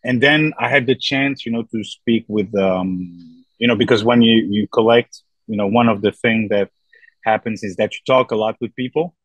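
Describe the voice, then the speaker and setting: A man from Belgium with a Belgian French accent, chatting as a podcast guest, relaxed and rambling with many fillers. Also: fairly low pitch, moderate pace, slightly rough, no room sound, low-quality recording. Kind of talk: casual interview chat.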